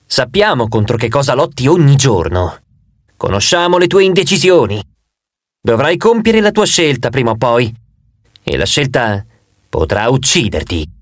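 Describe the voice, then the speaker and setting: A man reading an audiobook, voicing the gloomy face of a two-faced male god in a slow, deep, ominous tone. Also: sing-song, no room sound. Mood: menacing.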